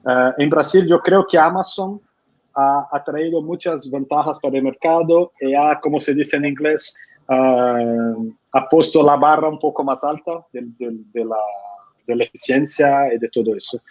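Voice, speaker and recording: Speaking Spanish as a non-native at an online conference, this Brazilian man, a publishing consultant and guest speaker, carries a Brazilian Portuguese accent. His slightly high, somewhat mellow voice moves at normal speed with frequent fillers and restarts, and the audio has its highs cut off.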